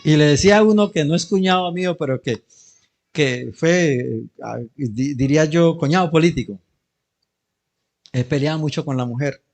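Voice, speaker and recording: A man's voice: on the high side, normal speed, a little mellow. A middle-aged man with a Colombian Spanish accent, preaching a sermon in church, telling anecdotes and joking with the congregation. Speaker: pastor.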